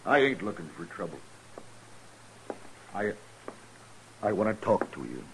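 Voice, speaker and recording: Old radio show western: a frightened gunfighter, low voice, stammering pleas, light tape hiss. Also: male voice, big pitch swings, a little slow, a bit bright, full character voice, low-quality recording. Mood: desperate. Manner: pleading, stammering. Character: aging gunfighter, frightened and desperate man. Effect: old radio show broadcast. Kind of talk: 1950s radio drama acting.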